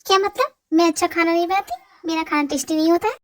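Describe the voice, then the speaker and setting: Lady dubbing a fussy scolding mom, high voice, fan dub. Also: fast talker. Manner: scolding, fussing. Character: fussy doting middle-aged mother.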